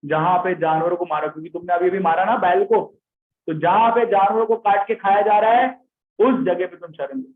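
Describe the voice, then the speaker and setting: A man's voice: high voice, normal speed, roomy sound, close to an everyday voice. A man voicing a stern, righteous young king who speaks firmly and commands. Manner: firm, commanding. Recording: tinny phone-like sound.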